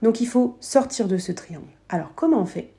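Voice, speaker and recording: A woman's voice: medium pitch, expressive, a little fast, dark tone. A woman with a French accent giving a business coaching lesson, explaining ideas with emphasis and acting out short quoted examples.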